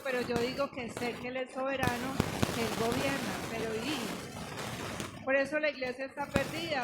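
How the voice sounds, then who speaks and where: A woman's voice: sits high, heavy background noise. A woman pastor preaching a sermon to her congregation, emphatic and questioning, teaching with questions. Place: church.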